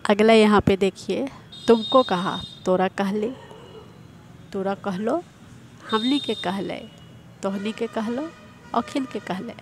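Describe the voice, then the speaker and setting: A woman teaching an exam-prep grammar lesson, explaining slowly and repeating each example. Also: mid-range voice, slight background noise.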